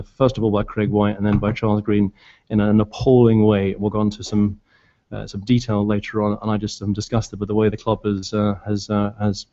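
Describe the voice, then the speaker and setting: A middle-aged man from Glasgow with an anglicised British accent, giving a halting, unscripted speech at a public meeting. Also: lowish voice, warm tone. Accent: British, anglicised by years in southern England. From Glasgow, Scotland. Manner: halting, hesitant. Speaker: board candidate addressing fans. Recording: dull, lo-fi meeting recording.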